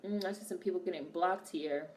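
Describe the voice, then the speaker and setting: A young American woman hosts a live watch-along stream, reacting to her chat's comments in a blunt, candid and profane way. Her voice is fairly low, a little fast and darkish in tone, picked up with roomy sound, distant from the mic, and slight background noise.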